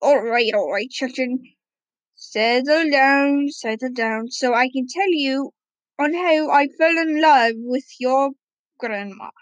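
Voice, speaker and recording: A woman's voice: high voice, slow pace, no room sound, poor audio. A woman voicing a rambling, forgetful ancient grandfather wolf-creature who tells a tale to his grandchildren. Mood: storytelling. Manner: rambling, loses his train of thought.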